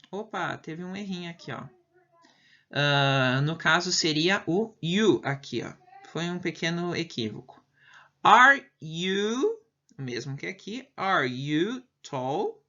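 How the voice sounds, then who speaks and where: A Brazilian woman teaches English in a patient, explanatory way. Her voice sits a little low but moves animatedly, and she draws out each model sentence very slowly. The recording sounds dull and lo-fi. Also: pushed and bright. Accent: Brazilian Portuguese. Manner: explanatory, checks understanding with "ok?" and "certo?". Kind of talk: recorded language lesson. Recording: dull lo-fi audio.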